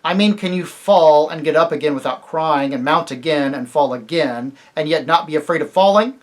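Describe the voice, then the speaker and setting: A man voicing a proud, blunt talking horse in a storybook reading, speaking emphatically with a husky voice. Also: fairly high pitch, normal speed, natural voice. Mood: commanding. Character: proud talking male warhorse, blunt and scornful.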